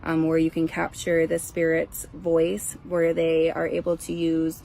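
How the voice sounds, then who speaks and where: A woman's voice: low-pitched, completely flat delivery, unhurried, gravelly, mellow. A woman ghost investigator talking casually to viewers, explaining in a rambling, conversational way. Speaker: ghost investigator presenting her team's recording. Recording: faint background noise.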